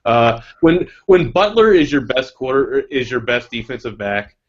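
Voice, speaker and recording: A man's voice: mid-range voice, very animated, moderate pace, slight background noise. A man co-hosting a fantasy football podcast, rambling in casual chat with many restarts. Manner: rambling, many restarts and fillers, laughs easily. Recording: dull lo-fi audio.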